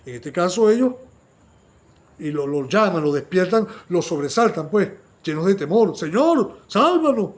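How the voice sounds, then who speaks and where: A man teaching a Bible study sermon, animated and often asking his listeners to agree, acting out quoted lines in a raised voice. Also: high voice, moderate pace.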